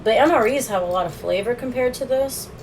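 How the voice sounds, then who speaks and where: A woman's voice: on the high side, a little fast, darkish tone, slight background noise, rough recording. Chatty woman live-streaming a food review. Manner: chatty, laughs often, talks while eating. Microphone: phone.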